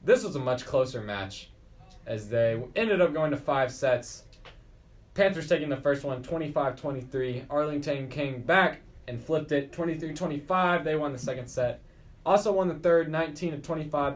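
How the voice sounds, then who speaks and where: A man's voice: a little high, moderate pace. A teenage boy co-hosting a casual school podcast, reading sports scores and joking around with his co-host.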